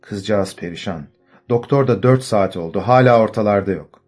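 A worried older gentleman, voiced by a male narrator in an audiobook. He speaks anxiously in a low voice. Soft music plays behind him. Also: moderate pace, natural voice.

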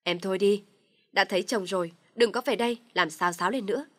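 Woman voicing a young husband, indignant, loud, protesting, audio story. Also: medium pitch, brisk, no echo, studio quality, close to an everyday voice. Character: angry young husband standing his ground.

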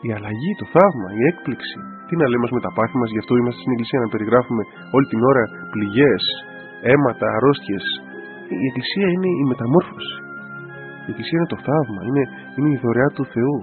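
A man, an Orthodox priest, gives an informal radio sermon and talks directly to the listener in an animated way. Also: mid-range voice. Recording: tinny phone-like radio audio with faint music.

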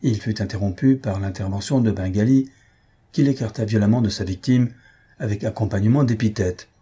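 A man narrating a classic story in a steady audiobook reading. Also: lowish voice, fairly quick, slightly rough.

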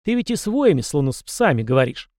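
A man narrating an audiobook voices a gruff, middle-aged army commander, a stern scolding mentor who raises his voice high and loud to berate a foolish youth. The delivery is barking, scornful and contemptuous, fast and sing-song. The recording is close and dry with no echo or room sound.

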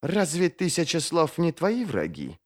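A man's voice: fairly high pitch, wildly swooping pitch, a little slow, darkish tone, voice pushed up. A man voicing a fierce, sullen young woman warrior who speaks curtly. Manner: curt, blunt.

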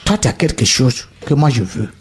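A man from Burkina Faso telling his conversion testimony in an interview, halting and repeating himself as he acts out the dialogue. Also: mid-range voice, animated, a little hiss or hum. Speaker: guest giving a conversion testimony. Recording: radio studio.

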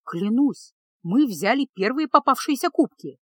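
A trembling head maid, voiced by a woman in an audiobook. Her voice goes a little higher and falters. The recording is dry and close. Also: lively intonation, unhurried, a bit bright, slightly rough, dry recording, exaggerated voice. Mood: scared.

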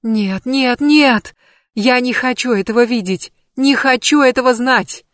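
A terrified young goddess, as a woman reader puts her on, high and tearful, close to sobbing. The storybook reading is dry and close-miked. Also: moderate pace, no room sound, lightly acted.

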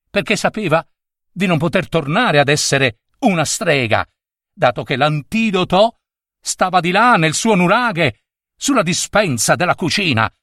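A man reading a storybook tale aloud in a theatrical, animated way. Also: a little high, dry recording, studio quality. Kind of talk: expressive storybook narration.

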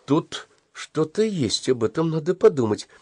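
A man reading an audiobook and voicing a smug, calculating schoolboy who drawls quietly and self-importantly. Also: on the high side, very animated, unhurried, slightly rough, no echo, clean studio sound, voice pushed up, heavily acted. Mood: bargaining. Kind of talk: audiobook character voice.

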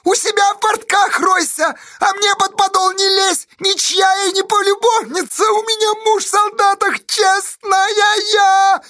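A man's voice: extremely high pitch, fairly even intonation, unhurried, hardly any pauses, pushed and bright, dry recording, clean studio sound, voice pushed up, exaggerated voice. A man voicing a furious young peasant woman who screeches back at the men in an audiobook. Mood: furious shriek. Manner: screeching, defiant.

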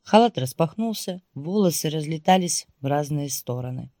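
A woman reading first-person audiobook narration in a steady storytelling voice. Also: deep voice, normal speed, dry recording, clean studio sound.

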